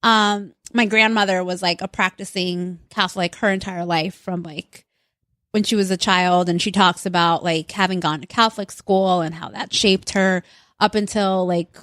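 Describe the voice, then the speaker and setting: A woman's voice: on the low side, fairly even intonation, moderate pace, fairly bright tone, no echo, studio quality. A woman from Long Island co-hosting a casual podcast, chatty and peppering her talk with "like". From Long Island, New York. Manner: chatty, says "like" often. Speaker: podcast co-host. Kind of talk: casual chat.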